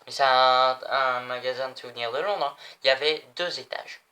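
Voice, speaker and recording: A man's voice: mid-range voice, steady tone, normal speed, pushed and bright, a little hiss or hum. A young man chatting casually in a vlog, rambling and repeating himself. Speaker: vlogger. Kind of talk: casual chat showing souvenirs.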